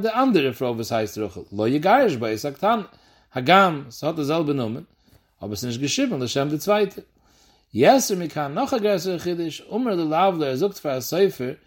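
A man giving a Talmud lesson, explaining the text in a quick, lively sing-song study chant. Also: on the high side. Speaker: Talmud teacher.

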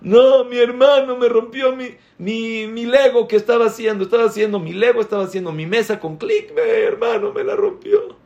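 A small six-year-old girl wails her complaint through tears, high and shrill, tumbling over her words. A man acts her out in a story. The voice is pushed far above a grown man's range. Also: animated, vocal fry, darkish tone, highs cut off, full character voice. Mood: tearful. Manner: high tearful wailing, hurried complaint.

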